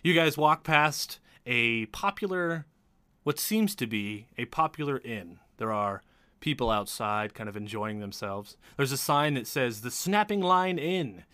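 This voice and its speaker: A male game master describes a town scene with a bright, forward voice. The recording sounds close and dry. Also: medium pitch, dry recording. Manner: descriptive, casual fillers. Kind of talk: narrating a tabletop game.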